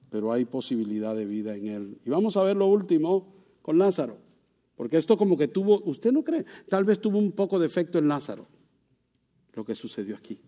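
Man preaching with rhetorical questions. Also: a little high. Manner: rhetorical questions, swings from loud to soft. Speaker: pastor. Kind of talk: sermon.

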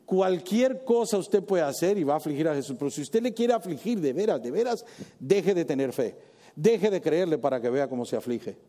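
A male preacher giving a sermon with animated storytelling, dropping English exclamations into his retelling. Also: on the high side, normal speed. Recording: reverberant hall.

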